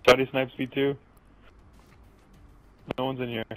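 A young man chatting over a headset while gaming, excitable and swearing, yelling when things go wrong. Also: medium pitch, unhurried, soft background music, rough recording. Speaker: gamer in party chat. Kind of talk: casual chat while gaming.

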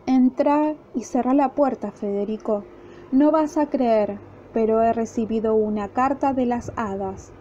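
A woman with an Argentine accent voicing a sharp-tongued, bossy wife in a told fairy tale. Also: measured pace, natural voice. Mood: eager. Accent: Argentine Spanish. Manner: scolding and shrill. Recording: dull lo-fi recording, faint noise.

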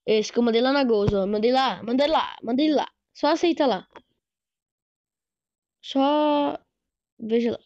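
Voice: mid-range voice, a little fast, few pauses, a little mellow, no echo, muffled recording. A gaming streamer from Brazil, chatting casually and slangily while reacting to a video. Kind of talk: casual chat over gameplay.

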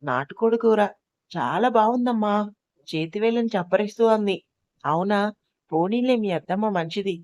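A woman's voice: mid-range voice, darkish tone, dry recording. Woman reading a family drama aloud. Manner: acts out quarrelling family members in her own voice. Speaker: storyteller. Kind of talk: dramatic audio story narration.

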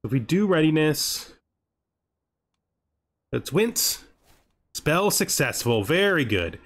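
A gaming video host thinks aloud to himself while casually commenting on a strategy game he's playing, with music in the background. His voice is fairly high and fairly bright, with a sing-song lilt, and he takes his time.

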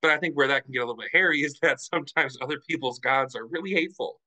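A man's voice: mid-range voice, very fast, rough recording. A man speaking frankly and animatedly in a casual book club discussion over a video call. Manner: animated, frank, lots of fillers.

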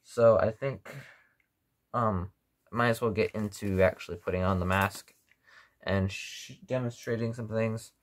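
A tired young man chatting casually to camera in a rambling, low-key way at home. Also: fairly even intonation, a little slow. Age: young adult. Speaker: gas mask reviewer. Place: small living room at home, indoors.

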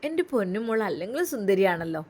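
A woman voicing a gentle young mother and bride with a Malappuram accent, speaking softly and tenderly. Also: medium pitch, sing-song, quick pace, pitched below the performer's own voice. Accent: Malappuram Malayalam. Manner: soft, hushed, tender.

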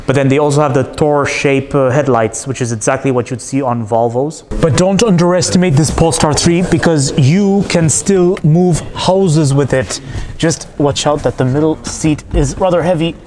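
A man's voice: fairly high pitch, normal speed, few pauses, crowd noise. A man giving a casual, candid car review walkthrough, chatty with frequent fillers.

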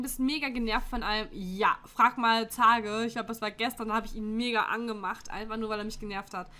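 A young woman with a fairly high voice talks casually at home into a desk microphone. She is blunt and slangy, reads quiz questions aloud, and laughs easily between her answers. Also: a bit bright. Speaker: YouTuber. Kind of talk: casual chat reacting to an online quiz. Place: home room with window open.

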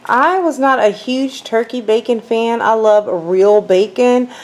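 A woman's voice: on the high side, measured pace, darkish tone, rough recording. A woman talking through her grocery haul for a vlog in her home kitchen, chatty and enthusiastic, with rain faintly outside. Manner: chatty, enthusiastic product rundown. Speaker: vlogger.

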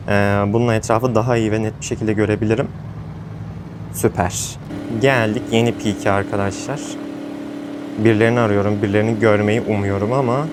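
A man's voice: fairly low pitch, noisy background. A young man giving casual commentary over his own gameplay, often exasperated and venting to viewers. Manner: frustrated, exasperated outbursts, rambling to viewers. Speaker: gaming YouTuber.

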